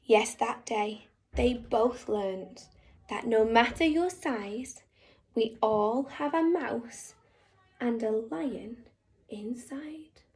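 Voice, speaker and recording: Slow, lively woman reading a picture book. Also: a little high. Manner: animated, rhythmic rhyming delivery. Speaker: teacher reading aloud.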